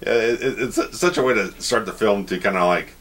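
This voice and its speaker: A man's voice: lowish voice, fairly quick, fairly bright tone. A man hosting a casual film commentary, explaining things informally and swearing freely. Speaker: host of a film commentary channel.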